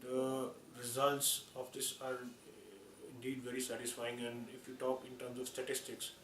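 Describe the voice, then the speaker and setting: A man's voice: mid-range voice, level tone, normal speed, a bit bright. A man with an Indian accent giving a formal, explanatory medical talk as a surgeon, with hesitant phrasing. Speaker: orthopedic surgeon. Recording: echoey room, distant mic, clear noise.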